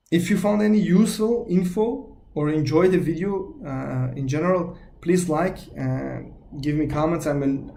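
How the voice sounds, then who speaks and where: Speaking English with a Belgian Dutch accent, a young Belgian who natively speaks Dutch and French introduces his YouTube sales channel. He comes across as earnest and hesitant, using many fillers and restarts, and his voice is mid-range and mellow.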